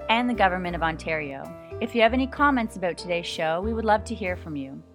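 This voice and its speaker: A woman from Canada who hosts a podcast, reading her narration in a measured way from a script. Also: mid-range voice. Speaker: podcast host. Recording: narration with music underneath.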